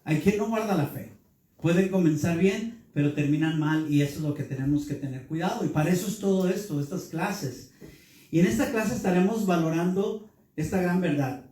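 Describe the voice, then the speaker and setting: Echoey, distant pastor teaching. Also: male voice, a little high, moderate pace, dark tone. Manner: teaching, asks the room questions. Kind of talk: Bible class sermon. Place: church hall. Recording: echoey hall, speaker far from mic.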